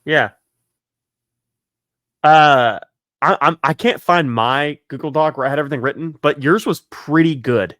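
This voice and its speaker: A man hosting a casual sports podcast, joking and excitable, rattling off long lists. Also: fairly high pitch, measured pace, pauses often, no echo, studio quality. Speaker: podcast host.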